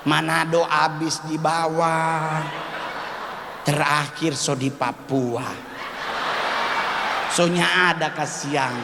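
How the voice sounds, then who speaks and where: A male stand-up comedian performing an animated set for a live audience, often calling out to them as sir. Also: on the high side, slow, creaky, long pauses, in a large hall, background noise. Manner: animated, exclaiming and addressing the audience as "Pak". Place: event stage before a live audience.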